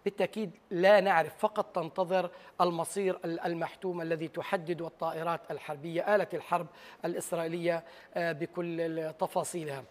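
A Palestinian journalist in his forties speaks as a studio interview guest. The man has a high voice and gives a serious account, halting often as he searches for words. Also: level tone. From Gaza. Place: large TV news studio. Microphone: lapel.

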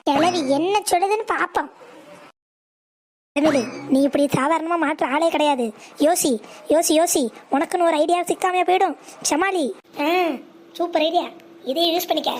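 A woman's voice: very high voice, normal speed, pauses often, a little mellow, slight background noise. A woman voicing a scheming old village grandmother in a cartoon skit, with melodramatic wailing and crafty asides. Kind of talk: Tamil cartoon skit voice acting.

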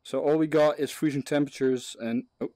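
Streamer, male, slightly high voice, casual, jumpy, swears and laughs. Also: fairly even intonation, fairly quick, dark tone, no room sound. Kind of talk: casual gaming chat with a teammate.

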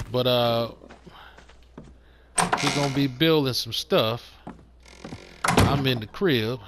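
An older man hosts his gaming video in a relaxed, slangy way, chatting to his viewers as family while he plays. The voice sits at an ordinary middle pitch. A clear bed of noise runs under the recording. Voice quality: slangy and laid-back, calls viewers fam. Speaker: gaming channel host. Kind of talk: casual gameplay commentary.

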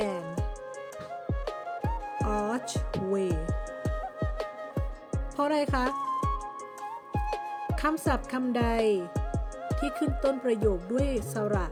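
A woman with a Thai accent and a fairly high voice teaches English words at a slow, deliberate pace. She explains each term patiently and repeats it again and again. Music plays clearly behind her. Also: lively intonation. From Thailand. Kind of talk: slow vocabulary lesson.

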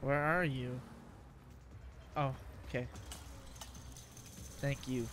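Brief: young male let's-play host, slow and chatty, game noise underneath. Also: medium pitch, fairly even intonation. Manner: chatty, reactive, keeps saying "oh man" and laughing. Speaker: gaming commentator. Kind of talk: casual let's-play commentary.

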